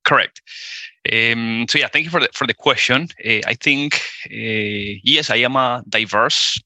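A man's voice: mid-range voice, unhurried, pushed and bright, no room sound. A man in his forties from Colombia with a Colombian Spanish accent, a Spanish native speaker talking as a guest in an interview, hesitant, with many fillers and restarts. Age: 40s. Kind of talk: casual interview conversation.

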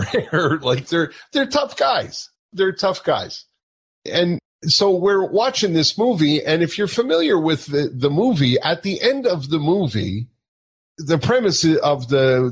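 A middle-aged man telling a self-mocking anecdote as a guest, laughing often. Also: mid-range voice. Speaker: guest telling a touring story. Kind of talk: anecdotal storytelling.

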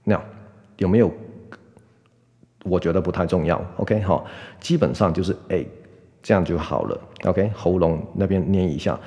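Man, podcast pronunciation lesson, very low voice, mellow, long reverb. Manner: patient, repeats words slowly, frequent "OK". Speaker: English pronunciation teacher.

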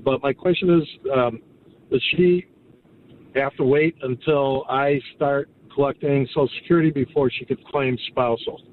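A man in his sixties calls in over the phone with a question, talking carefully and haltingly as he works through numbers. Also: mid-range voice, fairly even intonation. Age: 60s. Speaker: caller. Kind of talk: call-in radio question. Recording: tinny phone line with faint noise.

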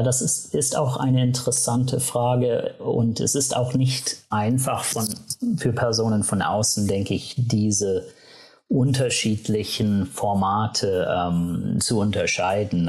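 A man from Canada, a native English speaker, giving spontaneous interview answers in German with a North American accent and halting, hesitant phrasing. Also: fairly low pitch, steady tone, darkish tone. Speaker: university vice president, interview guest.

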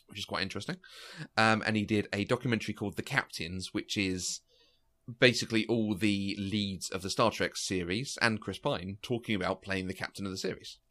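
A man co-hosting a podcast, chatting casually and telling stories with lots of fillers and restarts. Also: on the low side. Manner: chatty, animated storytelling with frequent fillers and restarts. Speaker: podcast co-host. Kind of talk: casual chat.

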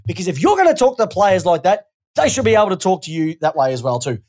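A woman's voice: lowish voice, sing-song, fast talker, darkish tone. A woman with an Australian accent co-hosting a casual sports podcast, ranting and swearing freely. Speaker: podcast co-host.

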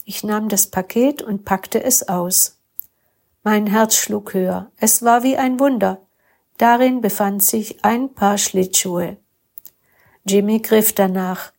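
A woman reading a first-person story aloud with calm, steady narration. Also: medium pitch, slow, vocal fry. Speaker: story reader.

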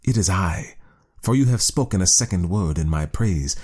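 A man voicing a proud, independent cat in a storybook reading, in a measured, formal cadence. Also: deep voice, animated, a little mellow, husky. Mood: sly. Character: aloof male cat, sly and self-satisfied.

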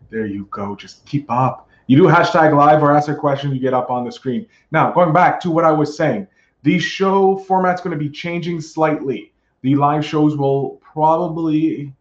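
Hosting a live-streamed solo podcast, a man chats casually and greets listeners with a ringmaster's showy, drawn-out announcing. His pitch is medium, and the sound is roomy and somewhat dull, like a lo-fi stream.

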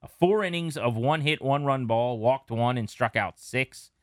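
A man co-hosting a casual sports podcast, chatty and relaxed as he runs through stats. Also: mid-range voice, a little slow, dry recording, clean studio sound. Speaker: podcast co-host.

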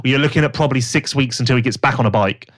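A man's voice: mid-range voice, racing. A man, hosting a podcast and chatting casually with gossipy storytelling. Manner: gossipy, animated storytelling with put-on quoted voices. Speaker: podcast host. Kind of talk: casual chat.

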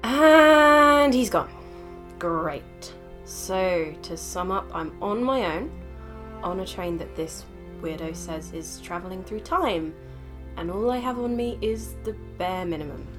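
A woman's voice: mid-range voice, expressive, takes it slowly, over music. An actress playing Nora, a nervous, sarcastic young woman scientist stuck on a strange train in an audio drama. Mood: flustered.

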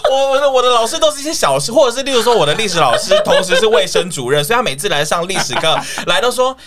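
A woman's voice: mid-range voice, sing-song, racing, over a noisy crowd. A young woman, co-hosting a podcast and telling amused stories. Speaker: podcast co-host. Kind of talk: casual chat. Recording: noisy mic with clicks.

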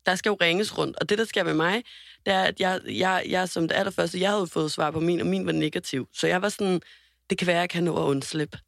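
Young woman podcast co-host, lively storyteller, cusses freely, close and dry on the mic. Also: on the low side, creaky, no room sound. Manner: animated storytelling, swears freely. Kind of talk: casual podcast chat.

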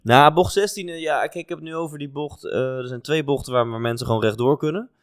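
A man co-hosting a podcast in relaxed, casual chat, pausing often with fillers. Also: a little high, clean tone, dry recording. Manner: relaxed, hesitant with many fillers. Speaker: podcast co-host. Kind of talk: casual chat about motor racing.

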